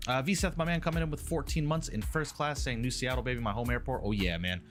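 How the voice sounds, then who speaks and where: Talking fast at a medium pitch with a fairly bright tone, a man streams a flight sim on his headset mic, background music underneath. He's slightly congested and nasal from a light flu but upbeat, welcoming chat by name and calling out each cockpit step.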